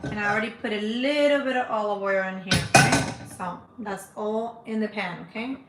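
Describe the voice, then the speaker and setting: A woman's voice: mid-range voice, moderate pace, echoey room, heavy background noise. A woman in her forties from the Dominican Republic, chatting to viewers as she cooks on a live stream in her home kitchen. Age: 40s. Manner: chatty, talks to viewers while cooking. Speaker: cooking channel host. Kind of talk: casual live cooking stream.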